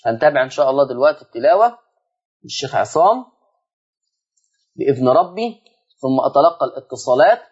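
A man's voice: medium pitch, husky. A man with an Egyptian accent teaching Quran recitation rules on a television lesson, explaining step by step and drawing out words to demonstrate. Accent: Egyptian Arabic. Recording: dull lo-fi broadcast audio.

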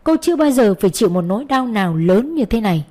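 A woman narrating a romance audiobook. She reads at a steady, even pace in a plain storytelling voice. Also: medium pitch, fast.

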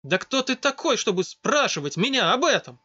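Man doing a young woman, frightened and defiant, high strained voice, dry dull lo-fi sound. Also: animated, unhurried, pushed and bright, exaggerated voice. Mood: angry. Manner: raised, agitated girlish voice.

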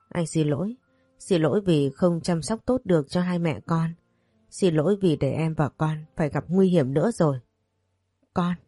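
A woman reading the lines of a caring young husband who speaks calmly and reassuringly. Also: fairly low pitch, husky, no echo, studio quality.

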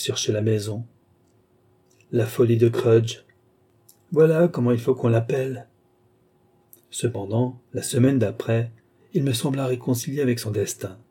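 A man reading a novel aloud as a narrator, in a measured storytelling manner. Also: medium pitch, warm tone, breathy edge. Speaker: audiobook narrator. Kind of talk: scripted narration.

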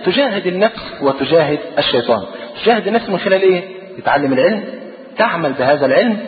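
A man with an Egyptian Arabic accent gives a religious lecture, talking rapidly and putting rhetorical questions to his listeners. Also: sits high. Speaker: preacher. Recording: tinny phone-like recording in an echoey hall.

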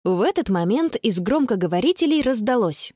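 Expressive woman narrating a children's story. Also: fairly high pitch, brisk, no room sound, clean studio sound.

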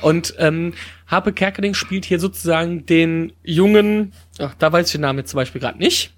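A man's voice: a little high, moderate pace. A man hosting a podcast in casual, playful chat, often turning to address the listeners. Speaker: podcast host. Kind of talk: casual comedic chat about films.

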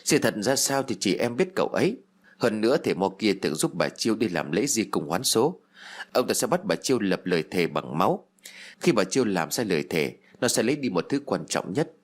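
A man playing a calm, knowing older uncle figure who explains things in a steady, gently teasing way. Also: fairly low pitch, brisk. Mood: grave.

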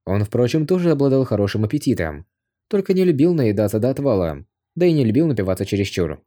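Male narrator, audiobook reading, warm mellow tone, animated expressive delivery. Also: medium pitch, fast. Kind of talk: scripted narration.

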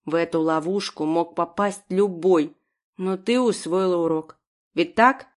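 A woman narrating an audiobook voices an imperious old woman doctor who barks commanding orders. Her own voice is lowish and a little slow, close to how she'd normally speak.

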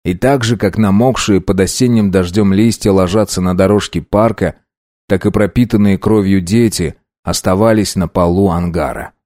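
A man narrating an audiobook in a steady, measured way. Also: low voice, no echo, clean studio sound.

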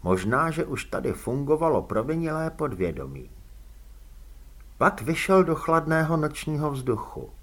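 A man narrating an audiobook in measured, expressive storytelling. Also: lowish voice. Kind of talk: scripted narration.

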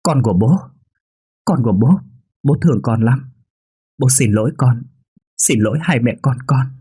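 A man's voice: sits low, expressive, a little slow, dark tone, slightly rough, dry recording, studio quality, exaggerated voice. A man voicing a remorseful middle-aged male prisoner in a narrated ghost-story reading, speaking in a choked, emotional way.

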